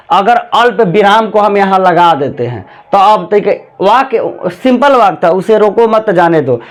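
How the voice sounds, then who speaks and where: A man teaching grammar in a classroom lecture, repeating points and often calling his students "bhai". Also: sits high. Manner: repetitive, drawn-out explanations with frequent "bhai".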